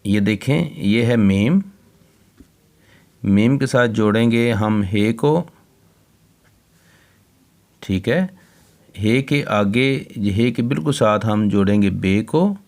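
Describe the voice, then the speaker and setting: Slow, low-voiced teacher man. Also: a little mellow. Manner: spells words letter by letter, then repeats each word slowly. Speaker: Urdu teacher. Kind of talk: slow word-by-word dictation lesson.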